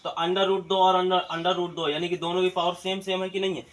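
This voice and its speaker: A man's voice: high voice, level tone, a little fast, fairly bright tone. A man teaching a math lesson, asking questions and answering them himself in a colloquial way. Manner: colloquial eastern Hindi words. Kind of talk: classroom-style math lesson video.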